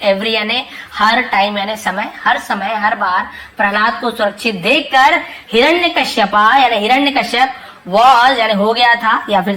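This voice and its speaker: A woman tutoring English, glossing a story slowly word by word, with rhetorical questions and frequent check-ins. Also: medium pitch, pushed and bright, slight background noise, low-quality recording. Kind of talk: explaining an English story line by line.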